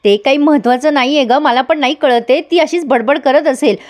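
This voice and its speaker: A woman's voice: high-pitched, brisk, close to an everyday voice. A woman reading the lines of a jealous, scheming young woman who complains in agitation. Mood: upset.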